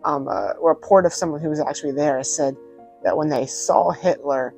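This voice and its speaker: Soft music sits behind a slightly high, somewhat mellow male voice with vocal fry, moving at a moderate pace. He's a video host reviewing films in casual vlog commentary, emphatic and prone to repeating words for stress.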